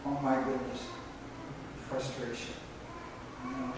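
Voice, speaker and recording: Slow-spoken pastor in an echoey church. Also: male voice, mid-range voice, sing-song, background noise. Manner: conversational, with fillers and restarts. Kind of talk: sermon. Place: church sanctuary. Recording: echoey church hall from far off.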